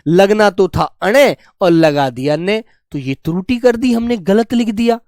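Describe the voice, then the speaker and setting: A man teaching a spelling class online, coaxing his students and slowly repeating words to show how they are said. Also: high-pitched, animated, darkish tone, dry recording, studio quality. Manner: coaxing, keeps calling students "beta" and "bachche". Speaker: Hindi teacher.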